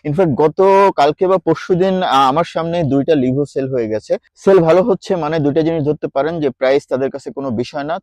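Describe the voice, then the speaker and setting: A man's voice: a little high, a little mellow, no room sound. A man with a Bangladeshi Bengali accent giving a chatty motorcycle review while riding, dropping in English phrases and calling the listener brother.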